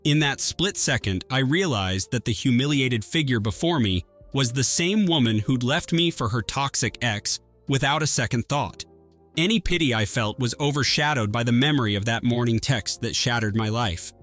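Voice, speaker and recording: A man's voice: medium pitch, soft background music. Man narrating a first-person story. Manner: even, measured storytelling.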